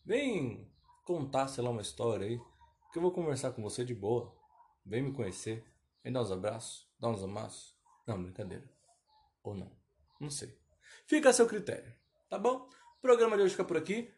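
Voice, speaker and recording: A man's voice: mid-range voice, sing-song, normal speed, long pauses, a little mellow. A Brazilian man with a Brazilian accent hosting a casual solo podcast, telling a story in a rambling, self-deprecating way. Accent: Brazilian Portuguese. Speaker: podcast host.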